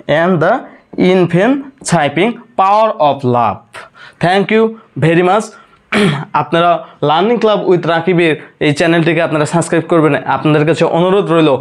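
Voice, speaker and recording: High-voiced teacher drilling poetry terms. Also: male voice. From Bangladesh. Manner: repeats key terms slowly and quizzes the listener. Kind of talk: lecture on a poem for university students.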